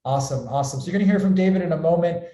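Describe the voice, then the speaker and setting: With a warm, fairly high voice, an upbeat American man races through his introduction as a company founder hosting an online webinar. He's clearly enthusiastic. The indoor webinar call sounds roomy and echoey.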